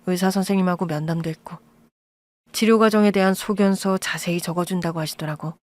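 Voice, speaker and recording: A woman voicing a calm, protective adult son who speaks low and steady, in an audio drama. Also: brisk, dry recording, natural voice. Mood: gentle. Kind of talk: Korean audio-drama acting.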